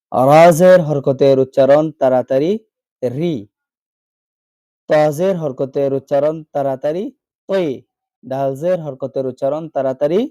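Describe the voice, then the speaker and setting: A man teaching Quran reading in a Bangladeshi Bengali accent, slowly drilling letter sounds again and again in an online lesson. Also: medium pitch, dark tone, no echo, lo-fi sound.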